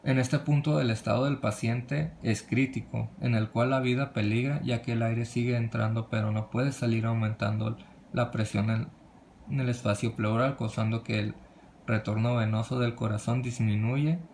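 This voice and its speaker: Halting man with a gravelly voice. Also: mid-range voice, steady tone, darkish tone, a little hiss or hum. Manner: halting, with frequent restarts and cut-off words. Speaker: presenter of a medical lesson. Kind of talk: reading a slide lecture.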